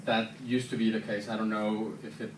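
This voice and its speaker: At a university screening, a man fields audience questions thoughtfully, his low voice holding a fairly flat pitch at a normal pace, with many ums and restarts. It was captured from the audience on a distant handheld camera in an echoey auditorium, and the recording is noisy.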